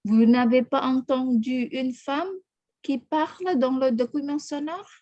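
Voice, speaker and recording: A woman's voice: high-pitched, steady tone, a little slow, dark tone, no room sound, muffled recording. A woman teaching a French class, patiently repeating questions and correcting pronunciation. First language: Indonesian. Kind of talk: online language class.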